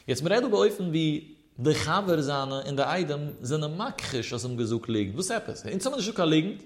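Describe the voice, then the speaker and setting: A man with a fairly high voice leads a religious study lesson. He talks through the texts in a sing-song study cadence, his pitch swinging up and down as he explains. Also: expressive, brisk. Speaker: Talmud teacher.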